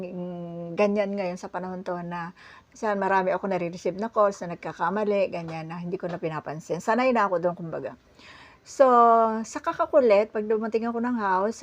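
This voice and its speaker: Animated middle-aged woman telling a story. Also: medium pitch, highs cut off. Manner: animated, laughs often between lines; halting, many fillers and restarts. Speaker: vlogger. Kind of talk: casual storytelling.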